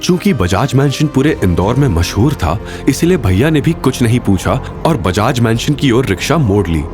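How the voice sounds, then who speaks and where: A man narrating a scripted audio drama in a dramatic, expressive storytelling manner. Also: mid-range voice, normal speed, over music.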